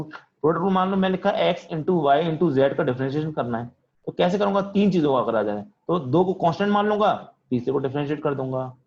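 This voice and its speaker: Hindi physics teacher on a lo-fi call. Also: male voice, a little high, a little mellow. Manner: answers his own questions in a student's voice; calls on students by name. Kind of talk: online class lecture. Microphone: video call. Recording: lo-fi online class audio.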